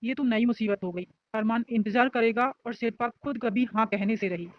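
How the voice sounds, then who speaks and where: A woman narrating an audio story in a plain, steady storytelling manner. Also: a little high, fairly quick, no room sound, dull audio.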